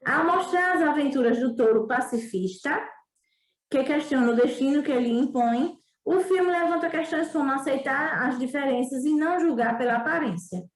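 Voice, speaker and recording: A Brazilian woman with a northeastern accent and a high voice teaches a remote lesson. She is chatty and encouraging and keeps checking in with her pupils as she walks through the exercises. The sound is echoey, as if taped in a bare room. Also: expressive, normal speed. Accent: Brazilian Portuguese, northeastern.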